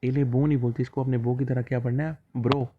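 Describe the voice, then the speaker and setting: Heard over phone-quality sound with a noisy background, a man speaks fast at medium pitch with little rise or fall. He's a talkative exam coaching teacher casually explaining idioms, walking through them stepwise, asking and answering himself, and acting out brief exchanges.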